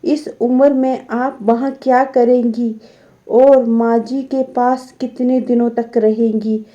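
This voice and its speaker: A woman voicing a gentle, worried young daughter-in-law who pleads politely, on a dull lo-fi recording. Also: a little high, level tone, slow. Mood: pleading.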